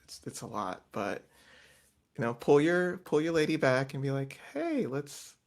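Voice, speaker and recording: A man's voice: mid-range voice, moderate pace. A man co-hosting a casual podcast, recapping a reality show and acting out quotes in voices. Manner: animated, acts out quotes in voices. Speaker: podcast co-host.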